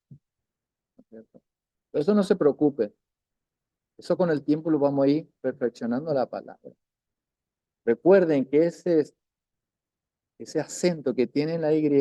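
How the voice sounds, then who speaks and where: A man teaching a recorded language lesson, patiently repeating words slowly and checking in often with "isn't that right?". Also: mid-range voice, dark tone, no room sound, dull audio.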